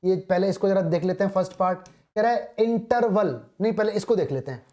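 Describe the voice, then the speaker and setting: A woman's voice: mid-range voice, warm tone. A woman teaching a maths lesson, asking questions and answering them herself and repeating the key points. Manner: repeats key points, reads English text slowly. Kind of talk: classroom maths lesson in Hindi.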